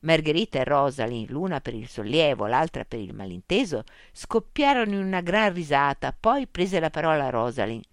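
A woman narrating a story in a measured, expressive reading. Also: low voice, no echo, studio quality. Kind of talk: audiobook narration.

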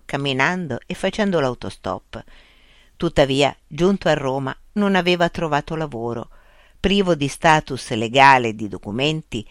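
A narrator reading a story aloud in an expressive, carefully paced way. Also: mid-range voice, no room sound, studio quality.

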